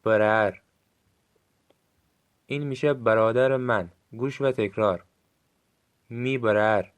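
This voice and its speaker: A man with a Gilaki accent giving a recorded language lesson, saying short phrases slowly and clearly for listeners to repeat. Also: lowish voice. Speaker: language teacher.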